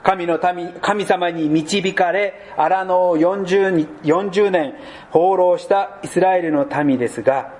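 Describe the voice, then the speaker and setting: High-voiced man preaching a slow sermon. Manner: slow deliberate preaching, dropping to soft low tones. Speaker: pastor.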